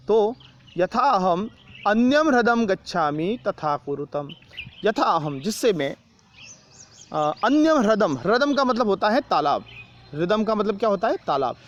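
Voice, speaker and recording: High-voiced Indian male Sanskrit teacher. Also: a little hiss or hum. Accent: Rajasthani Hindi. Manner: patient, repeats words and asks questions to the student. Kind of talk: online Sanskrit lesson explained in Hindi.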